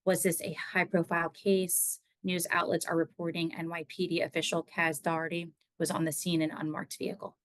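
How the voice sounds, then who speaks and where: A woman's voice: lowish voice, little pitch movement, fairly quick, few pauses, no room sound. A woman moderating a press briefing, reading out reporters' questions in a polite, businesslike way.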